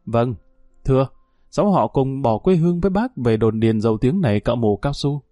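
A man voicing a reserved young soldier who speaks quietly and politely. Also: medium pitch, moderate pace, no room sound, soft background music, lightly acted. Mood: restrained.

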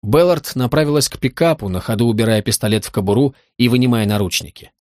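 Male audiobook narrator, mid pitch, dry close studio sound, steady. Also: quick pace, dry recording. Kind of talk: scripted narration.

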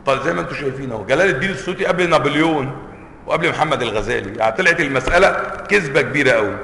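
Man, Egyptian accent, religious lesson, reading and explaining a text, drawn-out emphatic words, roomy echo. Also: mid-range voice, lively intonation, gravelly, sharp tone, slight background noise. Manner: stretches words for emphasis, switches to colloquial asides. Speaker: sheikh teaching a classical text. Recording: echoey hall with long reverb.

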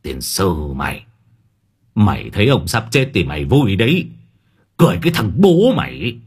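A man voicing a fat, cowardly old village official who trembles with fear and snaps into crude curses, speaking in a hushed whisper. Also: on the low side, wildly swooping pitch, moderate pace, slightly rough, exaggerated voice. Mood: angry. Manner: breathless, fearful mumbling that flares into crude cursing.

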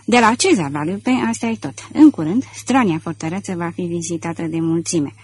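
A woman voicing a proud, ironic gentleman thief in an audiobook. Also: on the low side, breathy edge. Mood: boastful. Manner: proud, ironic and self-assured. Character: elegant, boastful gentleman thief, man. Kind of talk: audiobook character reading.

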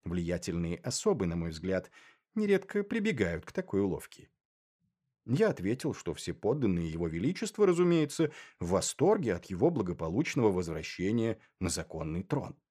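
A man reading first-person literary narration in a measured, dry and ironic way. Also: deep voice, big pitch swings, mellow. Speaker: audiobook narrator.

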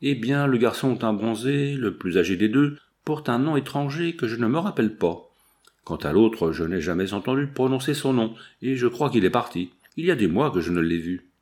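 A man reading the part of a pushy woman furniture dealer, full of brisk sales patter. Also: medium pitch, lively intonation, a little mellow, close to an everyday voice.

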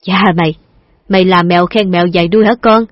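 A woman voicing a gruff but doting old father who gently grumbles and mock-scolds. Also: fairly low pitch, steady tone, fast, dry recording, lightly acted. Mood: fondly scolding. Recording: dull lo-fi dry recording.

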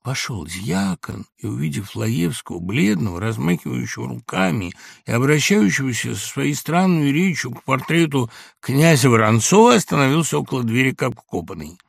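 A man narrating a classic story in an audiobook, with expressive, theatrical reading. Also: mid-range voice, normal speed, gravelly, husky, dry recording. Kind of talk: dramatic literary narration.

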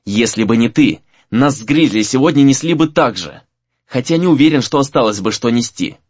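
A man voicing a young sorcerer apprentice, grim and bitter, who talks slowly through clenched teeth. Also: mid-range voice, animated, darkish tone, no room sound, highs cut off, close to an everyday voice. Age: young adult. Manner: speaks through clenched teeth, slow and heavy.

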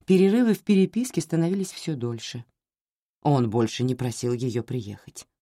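A woman reading a novel aloud as an audiobook narrator, measured and expressive. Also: very deep voice, dry recording, clean studio sound.

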